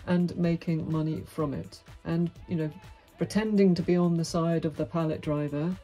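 Talking straight to camera in a small, dimly lit room with a brick wall, a middle-aged vlogger speaks frankly and with a wry, outspoken edge. Her voice is deep and warm, with fairly even intonation at a moderate pace, and faint music plays behind her.

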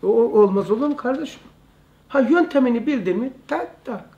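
A man's voice: very high voice, expressive, moderate pace, warm tone, lo-fi sound. A man giving an informal religious lesson, emphatic and repetitive, often calling his listeners brother. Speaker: religious study teacher.

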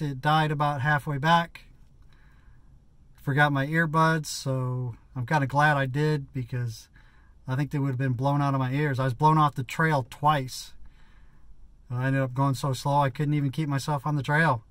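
An American vlogger in his fifties, tired and still catching his breath after a bike ride, chats from inside a parked vehicle. His voice is a little high and sharp, with no echo, picked up by a phone or action camera held at arm's length. He rambles casually, chatty and self-correcting.

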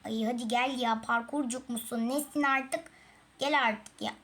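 Woman, gaming host, casual let's-play chatter on a tablet, slightly high-pitched, sighing at her fails. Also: fairly even intonation, unhurried, fairly bright tone.

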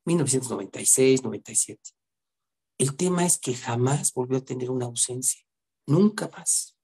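A middle-aged man with a warm, slightly husky voice. He speaks as a therapist telling a story, earnest and reflective, and often checks that the listener follows. His voice stays mellow throughout. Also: medium pitch, expressive, moderate pace. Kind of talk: storytelling talk.

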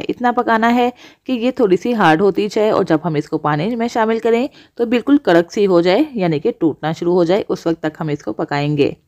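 Mellow-voiced woman explaining a recipe. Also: fairly low pitch, highs cut off. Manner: steady step-by-step explaining to viewers. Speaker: cooking channel host. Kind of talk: voice-over recipe instruction.

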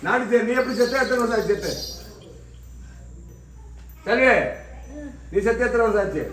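High-voiced commanding male exorcist. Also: moderate pace, fairly bright tone, faint music behind. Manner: commanding, repeats questions insistently. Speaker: exorcist priest. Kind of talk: exorcism ritual interrogation. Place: shrine. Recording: echoey room, distant mic.

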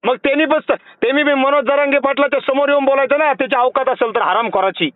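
A young man from Maharashtra argues his side insistently over a phone call, his voice pitched very high and his words coming fast. The line sounds thin and tinny, with a dry, close feel and no room sound. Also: dry recording. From Maharashtra, India. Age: young adult. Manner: insistent, argumentative, repeats himself. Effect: heard over a phone line. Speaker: kirtan preacher. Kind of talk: heated phone argument.

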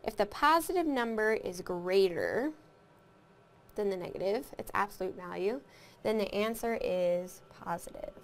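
A woman's voice: medium pitch, animated, unhurried, slight background noise. A woman teaching a recorded math lesson, explaining step by step, counting aloud and asking the class questions.

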